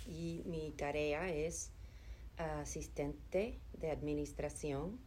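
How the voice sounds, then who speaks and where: In a conversational interview, a middle-aged nonprofit administrative assistant from Chicago replies in a low, unhurried voice, earnest and calm, with hesitant fillers here and there. Slight background noise sits behind her.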